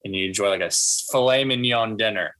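A man's voice: lowish voice, a little fast, sharp tone. A young man in casual podcast chat, rambling with lots of fillers and playful made-up stories. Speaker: podcast co-host.

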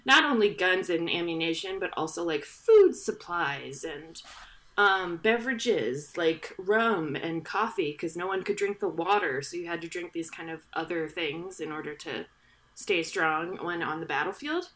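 Speaking into a studio podcast microphone, a woman hosts a casual history chat in a lowish, somewhat bright voice with lively intonation and a slightly slow pace. She retells history in a chatty, jokey way, full of fillers and asides.

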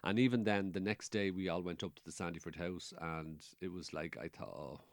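A man in his sixties with an Irish accent, telling a personal story as a guest in a lively, anecdotal way, chuckling through it. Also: low-pitched, a little fast, no echo, clean studio sound. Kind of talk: casual storytelling.

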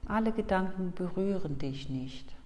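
A woman guides a meditation like a hypnotist, very unhurried, with long gaps between short phrases. Her voice is low and mellow and carries a long reverb tail. She speaks in a soothing, scripted way. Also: expressive. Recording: long reverb, faint background noise.

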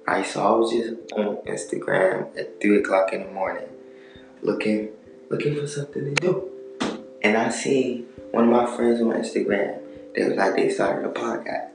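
A man's voice: fairly low pitch, vocal fry. A young man hosting a podcast in casual slangy chat, boastful and playful. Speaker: podcast host. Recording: echoey, music behind the voice.

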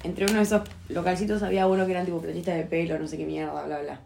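A young woman from Argentina with a Buenos Aires accent, co-hosting a casual podcast chat and telling slangy, animated anecdotes. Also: on the low side, racing, creaky, noisy background. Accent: Buenos Aires Rioplatense Spanish. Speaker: podcast co-host.

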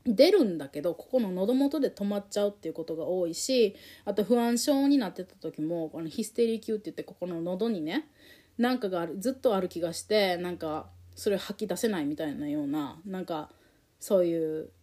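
A woman telling her own story in a candid, emotional and reflective way, with many pauses and fillers. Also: fairly low pitch, lively intonation, dark tone.

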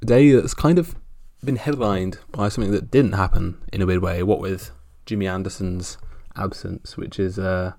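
Gravelly-voiced man hosting a sports podcast. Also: low voice, steady tone, moderate pace, few pauses, mellow, no echo. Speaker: podcast host. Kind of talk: casual solo sports roundup.

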